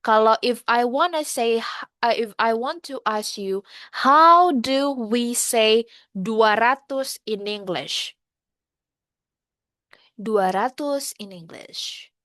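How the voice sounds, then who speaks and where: A woman with an Indonesian accent leads an online English class, taking her time as she drills each number and asks students to answer in the chat. Her voice sits a little high and sounds dry and close. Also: animated, slow pace, a bit bright, no echo. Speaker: English teacher.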